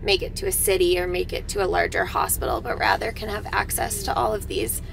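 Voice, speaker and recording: A woman's voice: fairly low pitch, expressive, brisk, creaky, poor audio. A young woman speaking fluently in an interview while seated inside a vehicle. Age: young adult.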